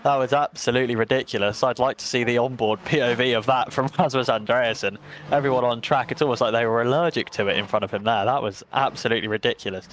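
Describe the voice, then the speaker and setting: A man with an English accent giving brisk, chatty play-by-play commentary on a sim race, with self-mocking asides. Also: medium pitch, fairly even intonation, fairly bright tone, slight background noise. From England.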